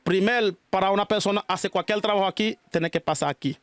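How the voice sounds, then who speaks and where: A man's voice: high-pitched, quick pace, fairly bright tone, no echo. A Dominican man with a Dominican Spanish accent, answering interview questions about his spiritual work and calling people mijo. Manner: calls people mijo and mija, repeats blessings. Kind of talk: casual interview.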